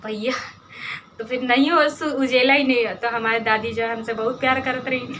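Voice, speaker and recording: Chatty woman with a bright voice. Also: on the high side, fairly even intonation, normal speed, a little hiss or hum. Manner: rambling, chatty, many fillers and restarts. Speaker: vlogger. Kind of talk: casual storytelling about her village childhood.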